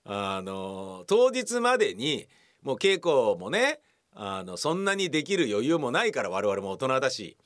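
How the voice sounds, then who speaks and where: A middle-aged man hosting a casual radio talk show, telling stories and acting out the other people in them with animated voices. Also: mid-range voice, a little slow. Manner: animated storytelling, mimicking voices. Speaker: radio host.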